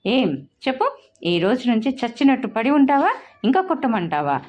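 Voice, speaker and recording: A woman voicing a hot-tempered mother in her thirties in a storybook reading, sharp and shouting. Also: lowish voice, expressive, a little slow. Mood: furious. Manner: shouting in rage.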